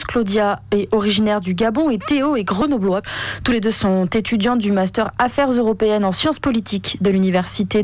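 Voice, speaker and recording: A female radio reporter narrating a report and asking interview questions in a clear, scripted way. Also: a little high, dry recording.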